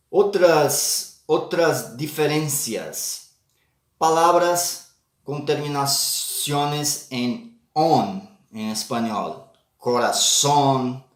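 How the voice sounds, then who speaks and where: Male teacher, very slow careful delivery, example words spelled out, echoey room. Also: mid-range voice. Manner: deliberate, repeats example words, adds "né" tag questions. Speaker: Portuguese teacher. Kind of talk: slow spoken language lesson.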